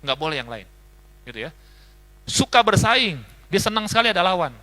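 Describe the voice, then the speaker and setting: Male pastor, seminar teacher, high bright voice, lively, addresses the audience. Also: fairly quick. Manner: lively, lists traits, often asks the audience.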